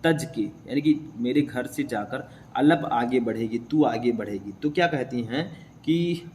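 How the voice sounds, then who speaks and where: A man's voice: medium pitch, unhurried, darkish tone, slight background noise. A young man teaching a class, explaining a poem line by line and often checking in with his listeners.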